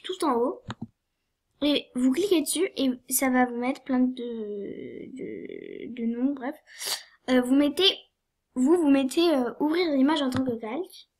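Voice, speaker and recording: High-voiced young woman with a cold. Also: slightly rough. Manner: hesitant, many fillers and apologies, giggly. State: sniffly with a cold. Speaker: tutorial maker. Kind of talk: screen-recorded game tutorial.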